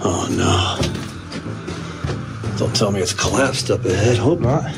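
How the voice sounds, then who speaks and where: A man's voice: on the low side, lively intonation, measured pace, over loud music. A man narrating a casual adventure vlog while hiking and exploring mine tunnels, laid-back and chatty with many fillers. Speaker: vlogger exploring mines.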